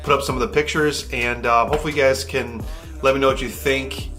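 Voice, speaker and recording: A man's voice: mid-range voice, steady tone, fairly quick, sharp tone, faint music behind. A man in his thirties chatting casually and hesitantly to camera as a vlogger, in an echoey hotel room. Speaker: film photography vlogger.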